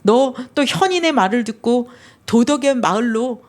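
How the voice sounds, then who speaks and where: A woman's voice: fairly high pitch, lively intonation, measured pace. A woman voicing an accusing devil who taunts a believer with mocking, needling questions.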